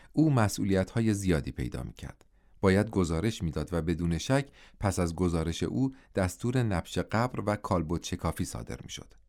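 A man reading a novel aloud as an audiobook in a low-set voice. His storytelling is measured and steady from line to line. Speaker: narrator. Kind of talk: audiobook narration.

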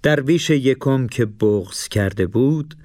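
A man narrating a children's story in an expressive storytelling manner. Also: mid-range voice, dry recording, clean studio sound.

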